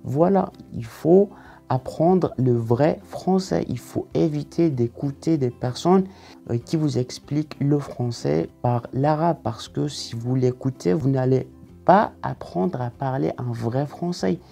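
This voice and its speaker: A man gives an online language lesson in a warm, mellow voice with a gravelly edge. He explains methodically, step by step. Soft music plays faintly behind him. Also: mid-range voice, slow. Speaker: French language teacher.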